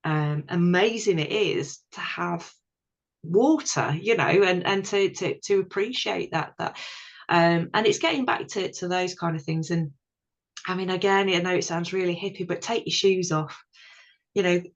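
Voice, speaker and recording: A woman's voice: fairly low pitch, normal speed. A woman from England, a podcast guest, talking thoughtfully and earnestly, often restarting her sentences. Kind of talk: casual chat. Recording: dull lo-fi sound.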